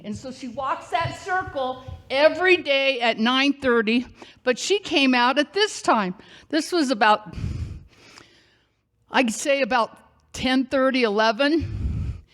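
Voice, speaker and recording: This is a live personal story told by a woman on a theater stage. Her voice is high and loud enough to fill the room, her delivery unhurried, animated and chatty, and she performs the shouting and quoted lines herself.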